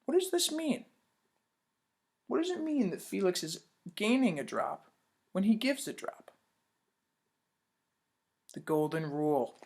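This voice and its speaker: A man reads a picture book to children in a high-pitched, gravelly yet somewhat mellow voice, with big pitch swings, a slightly slow pace, and frequent pauses. He uses the storytime to teach, quizzing the children and praising their answers.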